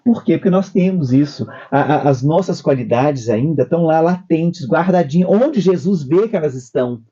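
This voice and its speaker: A man's voice: on the high side, lively intonation, moderate pace, mellow, lo-fi sound. A man co-hosting a spiritist discussion program, earnestly explaining from his own experience. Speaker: co-host.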